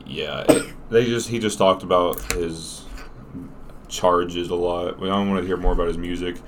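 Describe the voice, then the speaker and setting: Young man, low voice, American accent, casual podcast chat, bro slang, swearing, faint background noise. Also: steady tone, normal speed. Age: young adult. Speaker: podcast co-host. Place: small podcast room. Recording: noisy room with background ambience.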